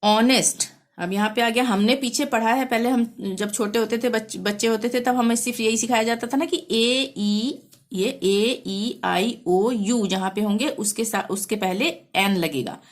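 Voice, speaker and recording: A woman teaching English grammar, patiently repeating example words and sentences slowly for her pupils. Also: on the high side. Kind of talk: explaining a grammar lesson.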